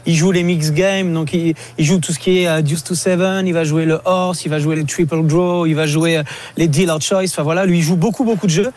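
Excited fast-talking man with a Southern French accent. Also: on the high side. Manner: fast, excited storytelling with many fillers. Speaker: poker tournament commentator calling in. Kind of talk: lively casual chat.

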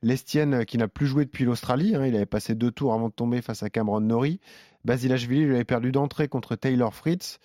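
A man hosts a relaxed betting talk, his voice middling in pitch. He rattles off odds and match results in a chatty, informal way. The sound is dry and close, with no room around it. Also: quick pace, no echo. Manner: reads out odds and stats, chatty. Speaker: sports betting show host. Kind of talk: casual chat.

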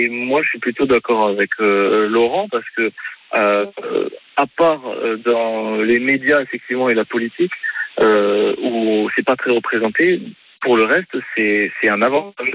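A man's voice: medium pitch, normal speed. A man with a southwestern French accent calling a radio show, hesitant with many fillers. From Agen, southwest France. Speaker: radio caller. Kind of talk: call-in phone chat. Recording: tinny phone line.

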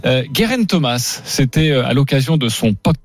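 A man's voice: medium pitch, big pitch swings, normal speed, no room sound. A man hosting a sports debate show on the radio, introducing the topic and quizzing his panel with self-mocking asides.

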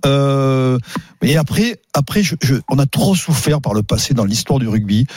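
A man's voice: medium pitch, lively intonation, normal speed, a little mellow, husky, no room sound, clean studio sound. A man debating as a rugby pundit on a radio sports panel, insistent, stumbling over repeated restarts as he pushes his point.

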